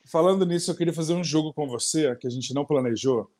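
A man with a Brazilian Portuguese accent hosting a casual interview, lively and laughing, talking straight to viewers. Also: fairly high pitch, fast. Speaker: interview host.

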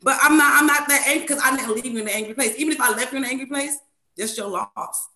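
A woman's voice: high voice, quick pace, pushed and bright. A woman chatting candidly as a panelist, emphatic and often repeating phrases for weight. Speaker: talk show panelist. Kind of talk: casual, candid chat. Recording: roomy, echoing sound.

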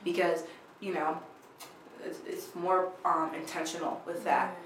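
Animated young woman, echoey room. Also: fairly low pitch, unhurried, slight background noise. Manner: animated, filler-heavy testimony with laughs. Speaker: podcast co-host. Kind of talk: casual faith podcast chat. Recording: echoey room with faint ambience.

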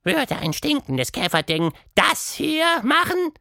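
Flamboyant monster ringmaster, high and swooping, dry close read, storybook. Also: male voice, big pitch swings, bright, forceful tone, dry recording, heavily acted. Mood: showman flourish. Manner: grand, drawn-out showman calls. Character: boisterous showman monster, male, theatrical.

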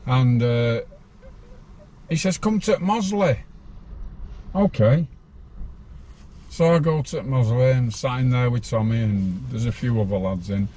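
A man's voice: medium pitch, normal speed, warm tone. A man, telling his life story bluntly as an interview guest. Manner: rambling, blunt, laughs while telling.

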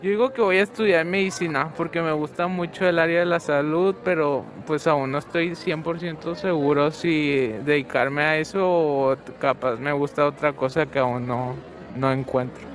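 A man's voice: fairly high pitch, normal speed, hardly any pauses, a little hiss or hum. A teenage boy chatting as a student being interviewed outdoors, telling stories with lots of fillers. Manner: chatty, many fillers, animated storytelling. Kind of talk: casual chat.

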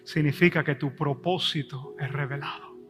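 A middle-aged male pastor preaching a sermon, swelling loud and high at times, then dropping soft. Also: fairly even intonation, moderate pace, music in the background. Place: church service.

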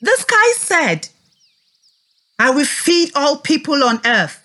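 With music in the background, a woman teaches small children through storytelling during a read-aloud lesson. Her voice is high and very animated, and she goes extremely slowly and deliberately, like a teacher, expressively inviting the children to repeat.

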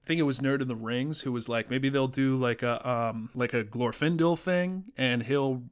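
A man's voice: medium pitch, normal speed, clear, resonant tone. A man hosting a casual spoken review, rambling and conversational with lots of fillers and restarts. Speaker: podcast host reviewing a TV episode.

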